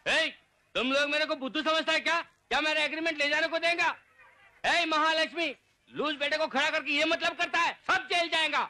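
An actor playing a bossy, blustering middle-aged landlord who shouts threats at his tenants. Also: very high voice, steady tone, normal speed, full character voice. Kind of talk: film dialogue.

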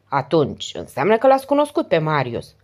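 A woman voicing a hoarse, sickly innkeeper woman. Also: deep voice, huge pitch swings, darkish tone, full character voice. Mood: complaining. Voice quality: hoarse, whining. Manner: querulous, self-pitying. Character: sick hoarse middle-aged female innkeeper, complaining. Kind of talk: audiobook character voice.

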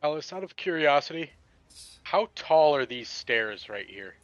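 A man's voice: on the high side, sing-song, measured pace, a bit bright, highs cut off. A man chatting casually as a player during a tabletop game.

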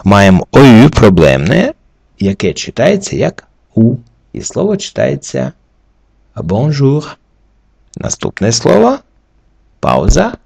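Slow, gravelly-voiced male teacher. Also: medium pitch, huge pitch swings, darkish tone, dry recording. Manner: methodical, slowly walks through each letter rule. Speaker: French teacher. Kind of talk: recorded reading lesson.

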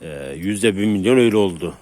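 A man's voice: sits low, expressive, fairly quick, a little mellow. A man filming street dogs, coaxing and praising them in casual, slangy speech while talking to his viewers. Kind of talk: casual running commentary to camera. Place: outdoors on a street.

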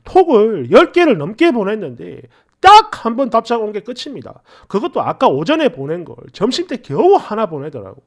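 A man's voice: sits high, huge pitch swings, brisk. A young man narrating a story in a chatty, exasperated way.

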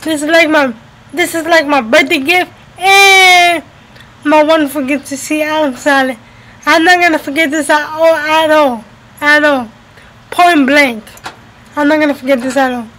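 With a high, sharp, steady voice at a moderate pace, a woman in her 20s from the United States (New Jersey and Florida) chats casually to her webcam at arm's length. She sits indoors at home beside a window, repeats phrases for emphasis, and the recording is rough.

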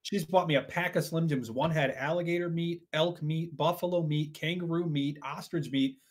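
A man in his forties telling a story in casual podcast chat, animated and laughing often. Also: on the high side, normal speed. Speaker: podcast guest.

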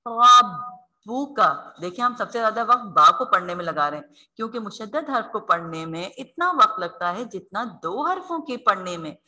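Teaching a recitation lesson online, a woman explains each rule patiently, step by step, and fondly calls her students children, using "beta." Her mid-range voice is sing-song and sharp, and she speaks a little fast.

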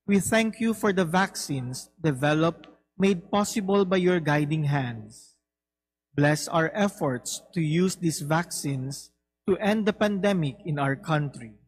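A man leading a formal recited prayer in a solemn, deliberate manner. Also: a little high, low-quality recording. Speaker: prayer leader. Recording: clear background hum and noise.

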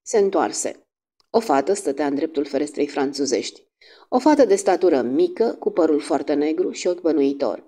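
A woman reads a classic detective audiobook in a measured, expressive way. Her low, dark voice swings through wide, lively pitch arcs, while the delivery stays steady and scripted.

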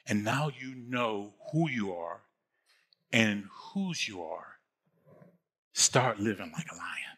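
A preacher voicing a big stern lion. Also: male voice, lowish voice, expressive, slow, pauses often, a bit bright, husky, voice pushed down, heavily acted. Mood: firm. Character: big commanding male lion, mentor.

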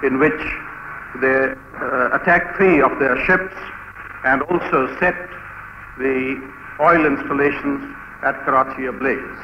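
A middle-aged man, a naval chief, giving a measured, confident report in an archival 1970s newsreel interview. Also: medium pitch. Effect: old radio newsreel sound. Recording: dull, noisy, echoey archival newsreel recording.

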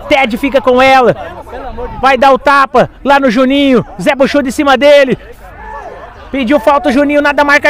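A Brazilian man calling a football match live, play by play, as its commentator. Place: small outdoor grass football ground, at the touchline. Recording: outdoor pitch, faint crowd noise.

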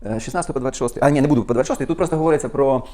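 A male pastor preaching a sermon with fervent, quick delivery, asking the congregation rhetorical questions and reading scripture aloud. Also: mid-range voice, warm tone. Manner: reads scripture aloud and comments on it.

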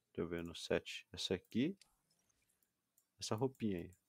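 Low-voiced gamer streaming. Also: male voice, moderate pace, creaky, breathy edge, no room sound. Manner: patient, explaining step by step. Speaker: gaming livestreamer. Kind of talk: casual gaming stream chat.

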